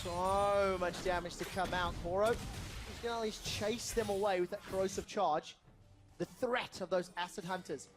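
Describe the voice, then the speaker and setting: A man calling play-by-play for a live video game match in a brisk way. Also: high-pitched, fairly even intonation. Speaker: esports caster. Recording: commentary over loud game music.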